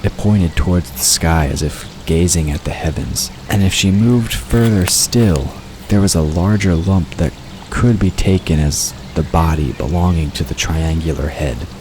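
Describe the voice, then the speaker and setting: Narrating scripted fiction for an audio drama, a man speaks in a low-pitched voice at a measured pace, with clear ambient noise beneath him.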